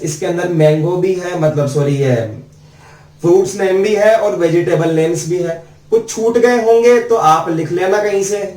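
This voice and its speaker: A man's voice: high voice, a little mellow. A male teacher giving a spelling lesson, drawing out letters one by one at a board. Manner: slow, drawn-out letter-by-letter spelling. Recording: echoey room, mic at a distance.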